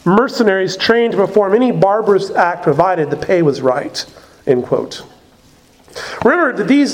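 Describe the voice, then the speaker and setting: A man preaching a sermon as a pastor, in a conversational way with frequent asides. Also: sits high.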